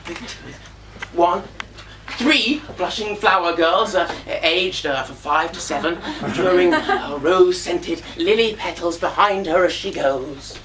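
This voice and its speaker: A man's voice: high voice, expressive, unhurried. A man playing a pompous, theatrical cake maker on stage, self-admiring and vain. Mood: grandiose. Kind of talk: live stage comedy. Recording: far-off stage mic, faint room noise.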